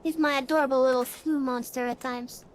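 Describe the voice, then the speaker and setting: A woman's voice: high voice, steady tone, brisk, slight background noise. A streamer in casual, rambling chat with many fillers, her voice run through an AI voice changer. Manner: rambling, chatty, frequent fillers.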